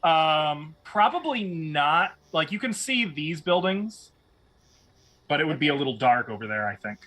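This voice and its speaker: A man's voice: a little high, expressive, normal speed, bright, forceful tone. A man narrating a tabletop fantasy game as game master.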